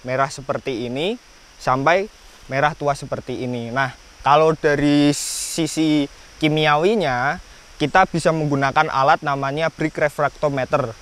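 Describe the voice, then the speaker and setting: A man's voice: on the high side, steady tone, a little slow, fairly bright tone. A man from Indonesia who works in coffee processing, explaining the harvest in a documentary interview with frequent hesitation fillers.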